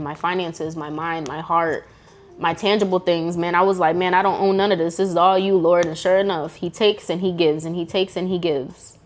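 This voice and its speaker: A woman speaking to camera in an earnest, emotional personal faith testimony, casual and full of slang. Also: lowish voice. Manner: earnest, fervent, casual slang-filled talk. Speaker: vlogger sharing a faith testimony. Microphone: camera mic.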